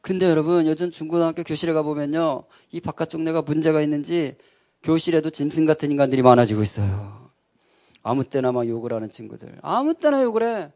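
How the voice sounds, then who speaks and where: Male speaker, slightly high voice, animated sermon delivery built on question-and-answer with the audience. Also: fast. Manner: keeps asking the audience questions and answering them; conversational and animated. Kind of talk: sermon-style talk.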